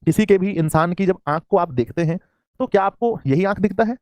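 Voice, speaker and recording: A man with a Hindi accent teaches an online class at a rapid clip. His voice sits a little high, and he fondly calls his listeners "children" as he quizzes them. The recording is close and dry. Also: darkish tone, dry recording. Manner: affectionate, calls students "children", asks and answers his own questions.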